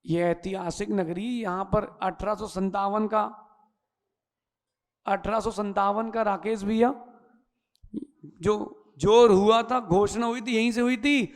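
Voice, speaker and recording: A Jain monk giving a sermon, telling folksy stories and acting out the characters in a lively way. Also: male voice, high voice, slow, long pauses. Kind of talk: sermon with storytelling. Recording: long hall reverb.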